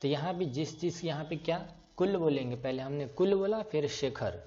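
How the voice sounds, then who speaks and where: Spelling words letter by letter after patiently breaking them apart, a man teaches an online class on writing names in English letters. His voice is a little high and dark in tone, at a normal speed. The lo-fi recording comes across slightly dull.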